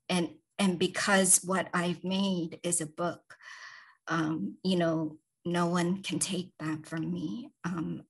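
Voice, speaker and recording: A woman in her forties, an author on a panel, speaking over a video call in calm, measured short phrases. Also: on the low side, breathy edge. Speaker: author guest. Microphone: video call, computer mic.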